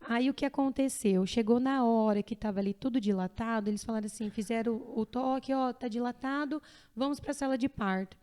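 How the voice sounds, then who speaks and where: Higher-pitched woman telling a birth story. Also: fairly quick, darkish tone, clear, resonant tone. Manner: earnest, emotional retelling with many fillers. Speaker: podcast guest, mother. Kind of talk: casual personal storytelling.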